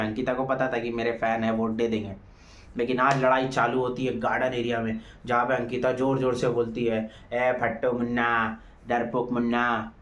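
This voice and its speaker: A man giving a heated, mocking review of a reality show episode, talking straight to his viewers. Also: mid-range voice. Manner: heated, mocking, addresses viewers as guys and friends. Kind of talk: opinionated show review commentary. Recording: echoey room.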